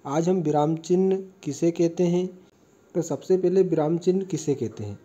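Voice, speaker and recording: A man teaching a grammar lesson, going over each definition slowly and checking with his listeners as he goes. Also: fairly high pitch, dark tone. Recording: dull lo-fi recording.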